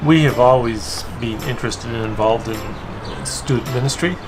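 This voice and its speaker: Measured man from Newfoundland. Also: mid-range voice, low-quality recording. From Newfoundland, Canada. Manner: measured, lists things plainly. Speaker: volunteer guest. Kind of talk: casual interview chat. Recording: very loud background music.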